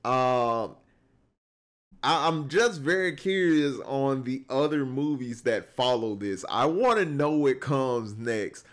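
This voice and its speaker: A man's voice: mid-range voice, lively intonation, takes it slowly. A man from the American South with a Southern accent, chatting casually to viewers in a film reaction, full of fillers and restarts. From Southern United States. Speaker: movie reaction streamer.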